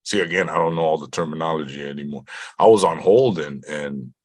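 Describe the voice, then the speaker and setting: Deep-voiced man telling a lively story. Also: brisk, dry recording. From Compton, California (born in Mexico). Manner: animated, acts out quotes in different voices. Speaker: actor telling his career story. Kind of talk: casual storytelling interview.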